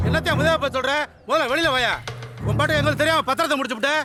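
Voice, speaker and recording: A hot-headed young man fires off threats in a high, fast voice. Loud film music plays under him. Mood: aggressive. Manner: shouting, threatening. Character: aggressive young man picking a fight.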